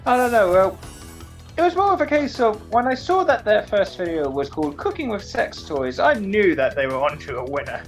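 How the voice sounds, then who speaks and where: A British man chatting casually over voice chat while playing a racing game, rambling and excitable. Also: high voice, moderate pace. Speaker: gamer in voice chat. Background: racing game music.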